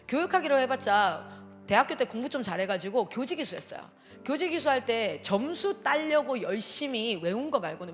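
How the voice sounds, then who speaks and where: A woman missionary giving a church parenting seminar talk, telling stories in an emphatic, exclamatory way. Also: on the high side. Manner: emphatic, animated storytelling with frequent exclamations. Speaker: missionary speaker.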